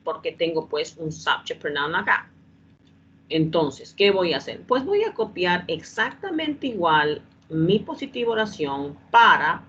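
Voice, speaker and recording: Woman, English teacher, slow and patient, explains step by step, muffled lo-fi sound, faint hum behind. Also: lowish voice, a bit bright. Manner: patient, repeats steps and checks understanding. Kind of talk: classroom explanation.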